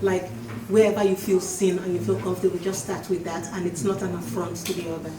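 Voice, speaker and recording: A woman author on a panel, answering an audience question in a reflective, emphatic way, slowing down to stress her points. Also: lowish voice, level tone, crowd noise. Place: event hall. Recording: echoey hall, distant mic, faint noise.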